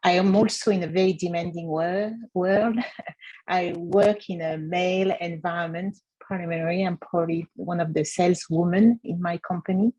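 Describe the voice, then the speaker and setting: A woman speaking earnestly on a panel, halting often on fillers. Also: fairly low pitch, a little mellow, slightly rough, low-quality recording. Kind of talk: panel discussion.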